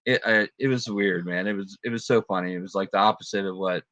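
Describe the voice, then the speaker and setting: A man's voice: sits low, quick pace, fairly bright tone, no room sound. A man hosting a casual livestream, greeting viewers and chatting in a laid-back way with plenty of fillers and laughs. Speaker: livestream host.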